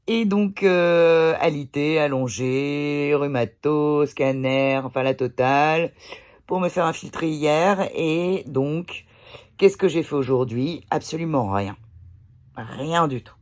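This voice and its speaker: This vlogger has a deep, darkish voice and speaks slowly. Sitting indoors against a pillow, she chats to her phone camera about ordinary happenings, blunt and quick to curse.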